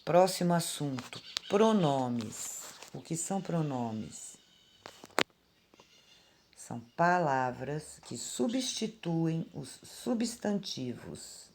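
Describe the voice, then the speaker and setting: A woman teacher with a Brazilian Portuguese accent explaining grammar to children in a slow, patient way, recorded on a phone at home. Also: low-pitched, big pitch swings, darkish tone, a little hiss or hum. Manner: slow, patient and explanatory, calling out words aloud. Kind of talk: remote grammar lesson for children.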